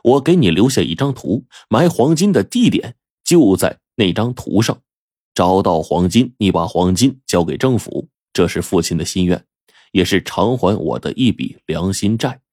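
A man's voice: low voice, animated, darkish tone, no room sound, clean studio sound. A man reading as a solemn old commander. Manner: solemn, measured. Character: elderly male former commander writing a confession.

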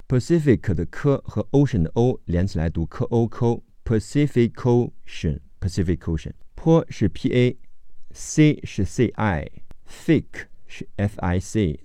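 A man gives a methodical vocabulary lesson and spells each word out letter by letter. His voice is low and mellow, and he keeps an unhurried pace. The recording is a dry, close voice-over. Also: dry recording. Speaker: English teacher.

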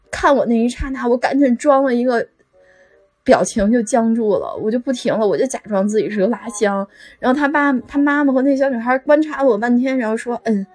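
A hapless young student who got stuck posing as a horror wax figure, as a woman tells it in his voice. He rambles along, stringing his account together with one "and then" after another. The voice sits fairly high, and soft music plays behind it. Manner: rambling, full of "then" fillers.

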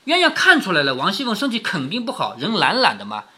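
Male narrator-commentator, reads to his child, explains as he goes. Bright, lively tone. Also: sits high, quick pace, breathy edge. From southern Jiangsu, China. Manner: explanatory, chatty asides. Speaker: father reading a novel aloud to his daughter. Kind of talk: storytelling with commentary.

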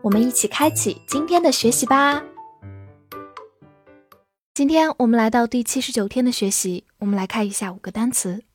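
A woman teaching English vocabulary, spelling words letter by letter and reading example sentences slowly. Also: a little high, breathy edge, dry recording, studio quality. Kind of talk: vocabulary lesson.

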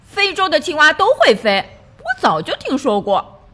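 A woman voicing an eager, impatient little male frog in a children's storybook, exclaiming with bouncy excitement. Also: high-pitched, moderate pace, pitched above the performer's own voice. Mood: indignant.

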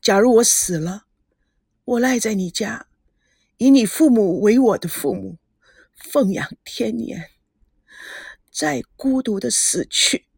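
Woman voicing a heartbroken young groom, earnest, tearful, husky breathy tone, dry close sound, storybook reading. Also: on the high side, animated, takes it slowly, long pauses, darkish tone, dry recording, heavily acted. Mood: anguished.

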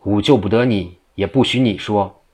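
A defiant, scheming old Taoist priest snaps threats in a storybook tale, read by a man in a low voice. He denies everything and warns the others off. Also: moderate pace, a little mellow, husky.

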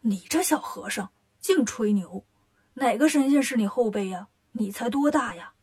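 A woman voicing a frightened, kindly old grandfather in a children's storybook tale, speaking slowly and softly. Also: a little high, lively intonation, slightly rough. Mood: fretful.

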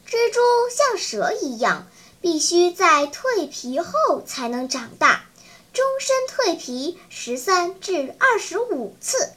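A woman storyteller reading a children's story in a slow, sing-song, teacherly manner. Her voice is very high and bright and it rises and falls in lively swings, paced gently for young listeners.

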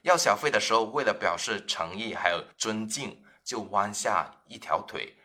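A young male teacher with a very bright, forceful voice, sitting a little low in pitch. He leads a lively scripted language lesson and says each key phrase twice, slowly and carefully, so learners can repeat it. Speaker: English teacher.

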